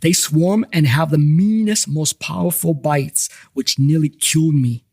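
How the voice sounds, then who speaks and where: Wry investigator. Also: male voice, on the high side, a little slow, gravelly, darkish tone, no echo. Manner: wry, dry asides. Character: wry first-person man investigator narrating. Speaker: narrator. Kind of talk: scripted audio drama narration.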